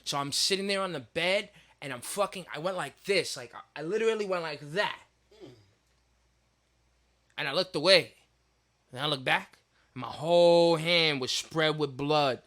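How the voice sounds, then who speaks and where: A young man co-hosting a podcast, telling childhood stories in a loose, animated way and acting out the voices. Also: on the high side, moderate pace, pauses often. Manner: animated storyteller, acts out voices, laughs often. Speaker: podcast co-host. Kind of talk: casual chat.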